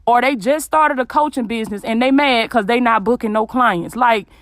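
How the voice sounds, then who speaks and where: A woman podcast host gives informal, preachy motivational business advice, blunt and emphatic, repeating phrases for effect. Her voice is on the high side at a normal speed, recorded dry in a small closet at home.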